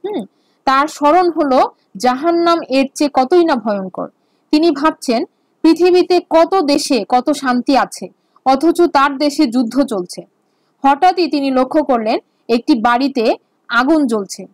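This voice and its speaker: High-voiced woman teaching Arabic grammar. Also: moderate pace, no room sound. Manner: explains patiently with repetition and fillers. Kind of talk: online lecture.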